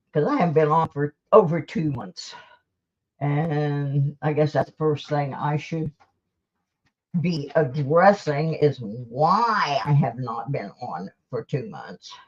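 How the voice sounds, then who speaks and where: A livestream host with a low, slightly rough voice chats casually with her viewers, rambling in a folksy, self-deprecating way. The lo-fi recording sounds dull.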